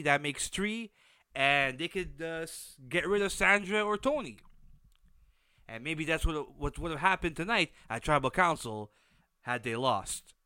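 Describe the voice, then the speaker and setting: A man's voice: fairly high pitch, bright, forceful tone, clean tone, no echo. A man with a nasal, stuffed-up voice from a blocked nose, giving a casual recap as a solo host with emphatic delivery. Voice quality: nasal, congested. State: blocked nose from sinus issues.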